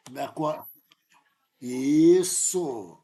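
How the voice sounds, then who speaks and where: Tutoring a student live in math, this Brazilian Portuguese-accented teacher is insistent and corrects often. He speaks very slowly in a fairly high, mellow voice.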